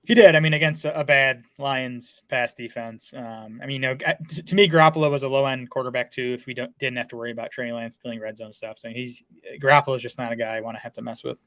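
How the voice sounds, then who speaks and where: A man's voice: medium pitch, fairly even intonation, a bit bright, dry recording. A man talking fantasy football in a casual podcast chat, full of fillers and restarts. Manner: fast, lots of filler words and restarts.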